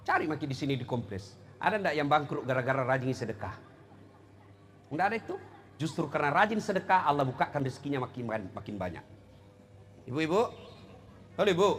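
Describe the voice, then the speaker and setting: A man preaching a humorous sermon, acting out quoted dialogue with animated storytelling. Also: on the high side, a little fast, long pauses, slight background noise.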